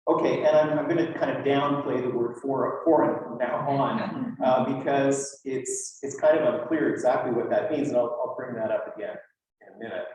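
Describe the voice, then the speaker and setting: A man with a Western Canadian accent and a mid-range, darkish voice gives an informal academic talk as a linguist at a conference, speaking at normal speed in a conversational way full of rhetorical questions and dry asides. He's addressing an audience in a lecture room, captured by a distant mic in a very echoey space.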